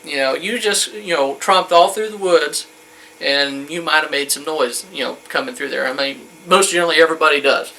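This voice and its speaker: A little fast, with a creaky, sharp, slightly high voice, a hunting instructor in his thirties gives a casual, colloquial how-to talk that rambles in a folksy way. He's in a wood-panelled indoor room, and the audio is poor.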